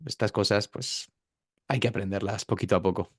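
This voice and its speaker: A man's voice: lowish voice, normal speed, husky, no echo, studio quality. Man explaining pronunciation. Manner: demonstrates sounds by drawing out words. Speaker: pronunciation teacher, interview guest. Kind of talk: explanatory interview talk.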